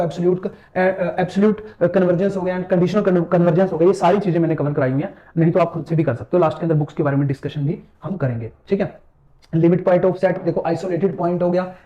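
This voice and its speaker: A man with a high, mellow voice teaches math in a casual Hindi lecture, dropping English terms throughout. He keeps urging viewers to look carefully as he goes. The sound is dull and lo-fi. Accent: Hindi, mixing English math terms. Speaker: math exam-prep teacher. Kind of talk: screen-share syllabus walkthrough lecture.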